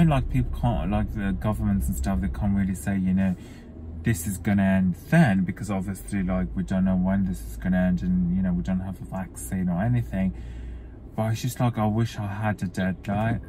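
A man's voice: low voice, fairly even intonation, normal speed, low-quality recording. A young man vlogging from his car, talking through a face mask in a loose, rambling chat full of fillers and restarts. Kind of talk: casual rambling chat to camera. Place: parked car at a drive-through, outdoors. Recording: loud outdoor street noise. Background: loud traffic and street noise.

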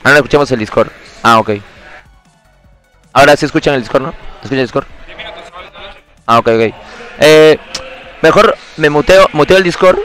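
Joking young Peruvian streamer, slightly high voice. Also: male voice, normal speed, pauses often, fairly bright tone, faint music behind. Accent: Peruvian Spanish. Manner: joking, teasing banter with frequent laughter. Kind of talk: casual live-stream chat.

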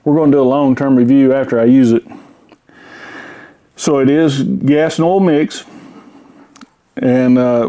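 This chainsaw review from a man's home garage is casual and folksy, with a rambling style and lots of fillers. His voice sits on the high side with a warm tone, recorded through a camera-mounted mic.

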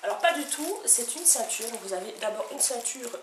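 Woman vlogger, somewhat high voice, eager, rambling chat; faint hiss behind. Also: expressive, brisk. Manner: chatty and enthusiastic, many fillers. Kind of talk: casual chat to camera. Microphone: camcorder. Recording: echoey room, somewhat far from mic, faint noise.

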